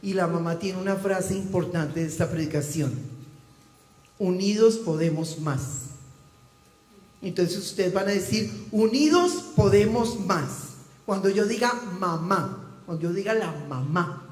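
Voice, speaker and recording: A man preaching in a church, leading the congregation through a call-and-response reading and shouting out the cue words. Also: sits high, unhurried. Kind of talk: interactive sermon with call-and-response cues. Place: church sanctuary. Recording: echoey hall with long reverb.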